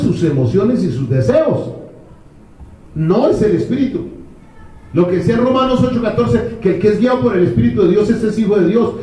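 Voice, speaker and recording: Man, fervent sermon, rhetorical questions, high voice, distant mic in a very echoey church. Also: warm tone, slight background noise. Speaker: preacher. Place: church hall.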